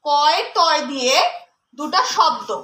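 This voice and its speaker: A woman's voice: high-pitched, unhurried, sharp tone. A woman teaching young children as a primary school teacher, explaining patiently and asking her class many questions. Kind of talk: teaching children Bengali conjunct letters. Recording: echoey room.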